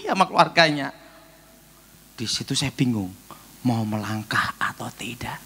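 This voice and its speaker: A middle-aged pastor delivers a sermon in a bright, tense, husky voice. His pitch leaps wildly between low murmurs and high shouts as he tells stories with joking asides. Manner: animated storytelling, joking asides, sudden loud bursts.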